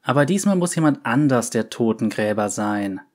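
A man's voice: mid-range voice, lively intonation, normal speed, natural voice. A man voicing a gloomy, sulky young female yordle who answers curtly in a storybook reading. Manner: sullen, curt.

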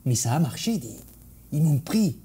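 A man's voice: a little high, moderate pace, husky. A man with a southern French accent performing a theatrical storytelling monologue. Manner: vivid, animated storytelling. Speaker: actor.

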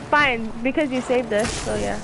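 A woman's voice: fairly high pitch, normal speed. A young woman streaming a game, chatting casually and laughing, her voice cracking from screaming. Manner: excitable, laughing, shouts callouts. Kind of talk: casual gaming chat. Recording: noisy game audio behind.

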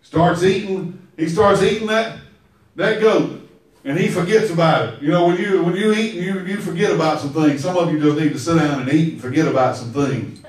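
A pastor with a voice high for a man preaches an emphatic, storytelling sermon at moderate pace, calling on his listeners in call-and-response fashion. The mic sits far away, and his words ring through a very echoey church sanctuary.

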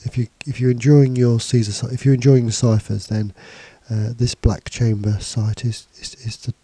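Stuffy from a cold, this male computing tutor narrates slides and screen capture indoors in a very dark, husky, medium-pitched voice. The sound is dry and close with no echo. His delivery is relaxed but halting, with fillers and false starts.

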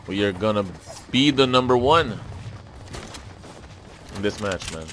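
Low-voiced male gamer over noisy game audio. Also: animated, measured pace. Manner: loose, rambling talk with urgent repeated callouts. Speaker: gaming YouTuber. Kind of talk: casual gameplay chat.

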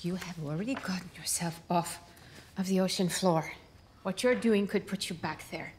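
An actress playing a worried, blunt and unyielding wife, arguing reproachfully and emphatically in a film drama. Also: female voice, lowish voice, moderate pace, darkish tone, a little hiss or hum, close to an everyday voice. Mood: cutting. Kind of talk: film drama acting, marital argument. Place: dining room indoors.

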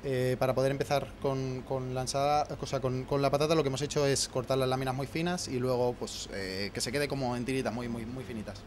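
Chef in his 30s, rapid halting explanation, handheld mic in a kitchen, faint background hum. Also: mid-range voice, steady tone. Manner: fast, many restarts and fillers while listing ingredients. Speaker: head chef. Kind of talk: explaining a recipe on camera. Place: restaurant kitchen, indoors. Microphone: handheld mic held by interviewer.

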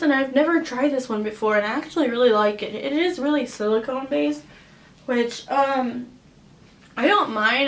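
A woman's voice: fairly high pitch, fairly bright tone. Chatty young woman in an echoey room. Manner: chatty, upbeat, many "like" and "um" fillers. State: has a cough drop in her mouth. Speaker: vlogger. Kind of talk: casual haul chat. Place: at home, indoors.

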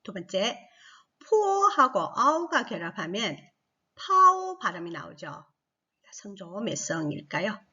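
Slow, patient woman teacher with a lively voice. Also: medium pitch, slightly rough, dull audio. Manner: slow and patient, models each sound loudly, then explains. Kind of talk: recorded online language lesson for children.

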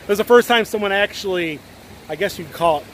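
A chatty man with a Northern US accent, talking his way through a travel vlog. His voice sits a touch high, and he keeps tossing in "right?" to pull his partner in. Steady street noise runs behind him outdoors. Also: fast talker. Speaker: vlogger. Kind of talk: casual travel vlog chat. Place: out and about on a rainy tourist street.

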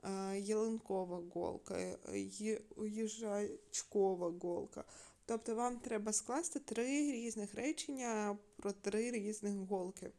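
A woman teaching a primary school lesson for video, giving slow, clear instructions and sounding words out syllable by syllable. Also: medium pitch, warm tone. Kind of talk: recorded remote lesson.

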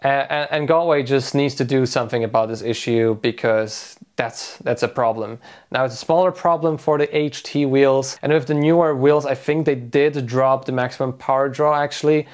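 A man's voice: medium pitch, steady tone, moderate pace. A young man hosting his own vlog, talking loosely to camera with many fillers, his voice getting tired. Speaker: electric unicycle vlogger. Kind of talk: casual talk to camera.

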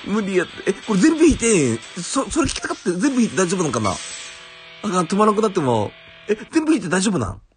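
Excitable Kansai man, swooping voice. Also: high-pitched, quick pace. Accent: Kansai Japanese. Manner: excitable, exclaiming and musing aloud. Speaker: gaming YouTuber. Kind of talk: casual commentary over game pulls. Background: game music.

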